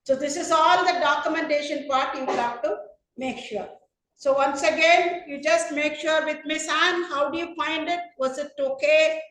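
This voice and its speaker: A woman's voice: high-pitched, steady tone, moderate pace, a bit bright, very echoey, rough recording. A woman doctor teaching a procedure over a video call, walking through each step and repeating what is important. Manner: instructive, stresses key points with repetition. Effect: heard over a video call. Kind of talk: webinar teaching demonstration.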